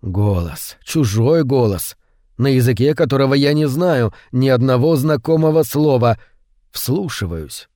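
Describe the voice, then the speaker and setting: Male audiobook narrator, mid-pitched, hushed and unhurried, dead-dry studio read. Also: lively intonation, no echo. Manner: slow, hushed and brooding, with louder acted quotes. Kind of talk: scripted narration of a short story.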